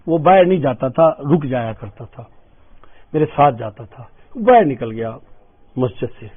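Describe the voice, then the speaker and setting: A man's voice: on the high side, husky. An older man preaching an emotional storytelling sermon, acting out the voices in his stories. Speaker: Islamic preacher. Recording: tinny phone-like lo-fi sound.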